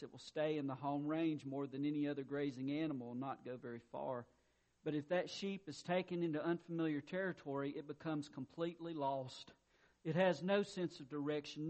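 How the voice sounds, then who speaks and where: Guy preaching a sermon, kinda high voice, goes from soft reading to shouting. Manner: swings from quiet reading to loud shouting; emphatic, repeats words when excited. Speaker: pastor.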